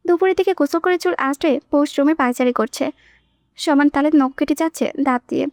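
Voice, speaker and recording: A woman's voice: high-pitched, fairly quick, darkish tone, dry recording, clean studio sound. A woman reading a romantic novel aloud as an audiobook narrator, voicing the characters' lines herself. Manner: reads all characters herself, shifting tone for quoted lines. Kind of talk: scripted novel narration with voiced dialogue.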